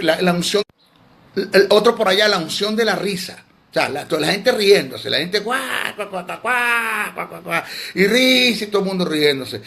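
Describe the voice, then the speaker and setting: A man's voice: a little high, fairly bright tone. A man teaching theology in a sermon, emphatic and scolding, often repeating words.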